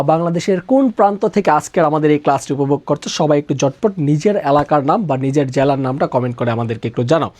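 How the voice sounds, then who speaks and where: A man's voice: on the high side, mellow. A male teacher giving a live online lecture, repeating questions and answers to drill the point, with frequent "ah" fillers. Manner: repetitive call-and-response questioning; uses filler "আহ" often.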